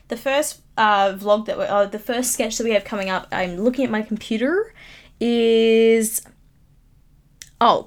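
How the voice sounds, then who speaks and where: A young woman of about nineteen chatting on her own podcast, rambling and teasing herself, recorded close on a good mic at home. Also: medium pitch. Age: late teens. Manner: chatty, self-mocking, giggly asides. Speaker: YouTuber. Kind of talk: casual solo podcast chat. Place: home room, upstairs. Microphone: studio microphone, close.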